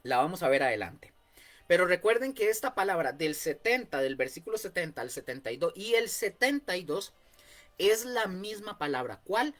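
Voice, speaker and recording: A Costa Rican man teaching a Bible study in an explanatory way, repeating key points and often pausing on fillers. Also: sits high, big pitch swings, a bit bright, faint music behind. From Costa Rica.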